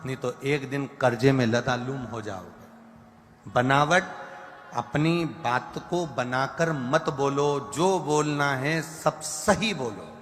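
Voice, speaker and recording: A man's voice: medium pitch, fairly bright tone. A man from Madhya Pradesh giving a live devotional sermon, preaching in repeated lists and breaking into sung refrains. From Madhya Pradesh, India. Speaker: kathavachak, religious storyteller. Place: large outdoor katha gathering with sound system. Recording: long hall reverb, faint music.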